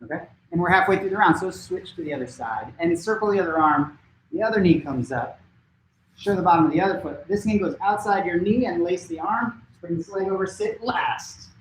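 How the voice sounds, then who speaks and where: A man's voice: high-pitched, slight background noise. Echoey instructor man coaching drills. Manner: brisk step-by-step coaching cues. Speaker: martial arts instructor. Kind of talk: live-streamed class instruction. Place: home training room.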